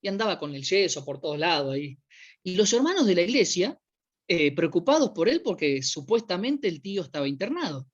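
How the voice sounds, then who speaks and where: With an Argentine Spanish accent and a brisk, mid-range voice, a preacher tells a church anecdote as a storytelling sermon, animatedly acting out the people and voicing their quotes. The recording is dull and lo-fi.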